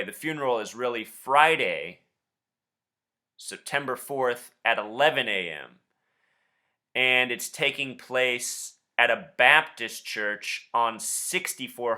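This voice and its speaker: With a pushed, bright, medium-pitched voice, a man hosts conspiracy commentary online and calls people, his manner insistent and suspicious as he questions them confrontationally by phone.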